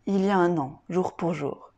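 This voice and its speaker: Lovesick young patient, soft and subdued, read by a woman. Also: lowish voice, normal speed, muffled recording. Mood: wistful. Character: troubled young man, lovesick clinic patient. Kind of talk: audiobook character reading.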